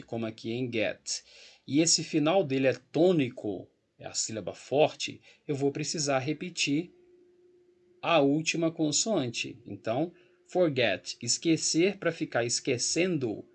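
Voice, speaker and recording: A man's mid-range voice with a breathy edge guides a recorded English grammar lesson. He has a Brazilian Portuguese accent and patiently explains while walking through a website on screen, checking in with the class frequently.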